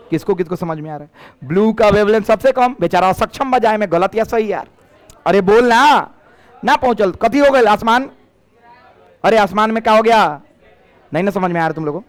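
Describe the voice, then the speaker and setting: A man's voice: high-pitched, moderate pace, pauses often. A man runs a physics class. He keeps throwing questions back at the students, then answers them himself. His talk moves between plain Hindi and Bhojpuri phrases. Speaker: teacher.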